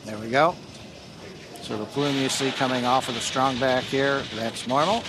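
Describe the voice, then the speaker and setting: A man's voice: medium pitch, moderate pace, very noisy. A man giving live launch commentary as a webcast commentator, explaining in a technical way.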